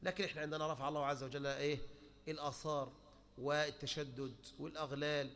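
A man's voice: fairly high pitch, fast. A man with an Egyptian Arabic accent delivering a sermon, asking rhetorical questions and mocking the views of others. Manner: animated, rhetorical questions, mocking quoted opponents. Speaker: preacher.

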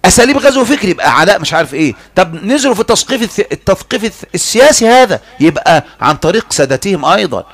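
A man with an Egyptian accent giving a heated religious lecture, mocking and animated, swinging between loud outbursts and hushed asides. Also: high-pitched, very fast, hardly any pauses. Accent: Egyptian Arabic.

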